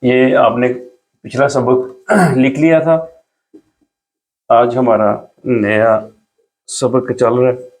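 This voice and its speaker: With medium pitch and fairly even intonation, a man leads an introductory language lesson. He explains each step patiently and says every sound slowly again while writing it down.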